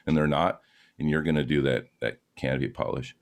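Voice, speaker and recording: A sour, pessimistic sergeant barks orders in a nasal, curt voice, as a man puts him on while telling a story. The voice sits extremely low. He scolds flatly and gives no ground. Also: brisk. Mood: scolding. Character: angry pessimistic male sergeant, nasal and bossy.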